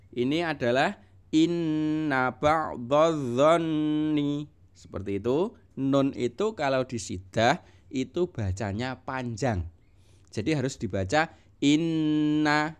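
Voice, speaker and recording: Slow, clear-voiced teacher man. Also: mid-range voice, lively intonation. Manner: spells out and repeats each word, stressing sounds. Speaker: religion teacher. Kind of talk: slow recitation lesson for children.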